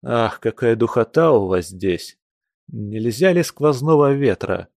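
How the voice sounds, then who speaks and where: A man reading an audiobook, voicing a weary, heartsick young man who talks slowly and reluctantly, with sighs. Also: mid-range voice, expressive, darkish tone, no echo, studio quality. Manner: slow, sighing, reluctant.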